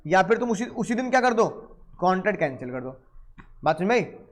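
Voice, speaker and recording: A man teaching commercial law in a lively, playful lecture, acting out buyers and sellers in quick asides. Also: sits high.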